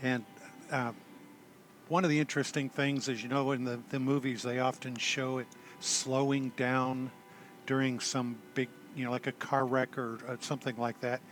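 An older man, a retired army chaplain, telling his story in a halting, self-deprecating way with dry humor. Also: mid-range voice, level tone, a bit bright, faint music behind. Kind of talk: conversational storytelling.

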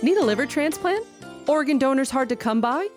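An actress voicing a perky phone hold announcer with an upbeat sales pitch. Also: female voice, lively intonation, a little fast, over loud music.

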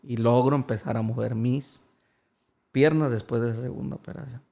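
A man's voice: medium pitch, steady tone, moderate pace, vocal fry, mellow. A man, an interview guest earnestly retelling a personal story and quoting the voices of others.

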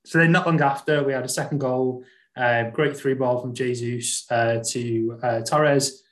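Male host, average pitch, informal football chat with co-presenters. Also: steady tone, unhurried. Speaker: podcast host.

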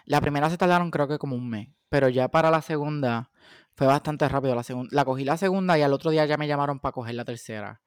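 A man's voice: fairly high pitch, quick pace, smooth, no room sound, studio quality. A man in his twenties with a Puerto Rican accent co-hosts a podcast in casual Spanglish, constantly switching between Spanish and English. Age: 20s. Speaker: podcast co-host. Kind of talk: casual chat.

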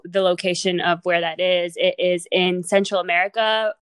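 A woman's voice: on the low side, fairly even intonation, normal speed, clear, resonant tone, dry recording. A young woman from Guatemala talking as an interview guest, reflective and earnest, with fillers and restarts. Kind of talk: casual interview talk.

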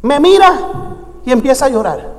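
A man, a pastor preaching a sermon full of storytelling that rises into fervent, shouted exhortation. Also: very high voice, very animated, moderate pace. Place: church sanctuary. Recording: long church reverb.

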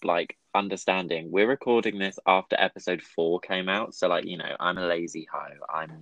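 A man's voice: deep voice, steady tone, normal speed, gravelly, fairly bright tone, no room sound, poor audio. A man hosting a casual chat, laughing often and poking fun at himself. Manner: chatty, laughing, self-deprecating. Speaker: podcast host.

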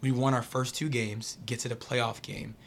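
A young man from the Pittsburgh area, a podcast guest, telling a story in an animated, casual way and acting out the voices of people he quotes. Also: medium pitch, normal speed, vocal fry.

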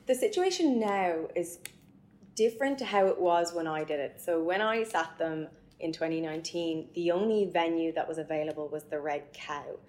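A woman's voice: on the low side, expressive, normal speed, darkish tone. A young woman from County Mayo with an Irish accent, giving conversational advice as a podcast guest. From County Mayo, Ireland.

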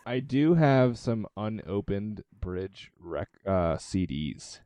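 A man's voice: fairly low pitch, expressive, slow, dark tone, dry recording, clean studio sound. A man co-hosting a casual podcast chat from home, joking, teasing and rambling loosely. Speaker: podcast co-host and band member. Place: home, over a video call.

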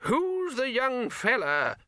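A man reading a story, voicing a very old, half-deaf male wizard who talks in a high, querulous, confused quaver. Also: wildly swooping pitch, slow, sharp tone, no room sound, studio quality, full character voice. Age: older.

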